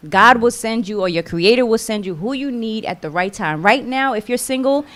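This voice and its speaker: A woman's voice: on the high side, animated, brisk, fairly bright tone. A woman in her thirties, chatting animatedly as a guest on a talk show. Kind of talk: casual chat.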